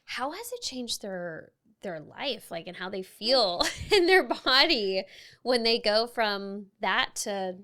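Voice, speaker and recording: A woman's voice: on the high side, big pitch swings, takes it slowly, sharp tone. Chatty woman hosting a podcast. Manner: chatty, filler-heavy questions, frequent affirming murmurs. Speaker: podcast host. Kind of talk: casual interview conversation.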